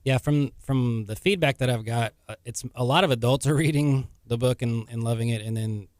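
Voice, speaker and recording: A man, a modest and soft-spoken author guest on a radio interview. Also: medium pitch, normal speed, no room sound, clean studio sound. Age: 30s. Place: radio studio.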